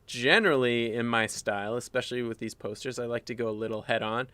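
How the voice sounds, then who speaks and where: A graphic designer streams his work from a desk mic at home, musing aloud as he designs in a rambling, casual way full of fillers and restarts. His medium-pitched voice is a little phlegmy, fast, bright and forceful, and the sound is smooth with no echo.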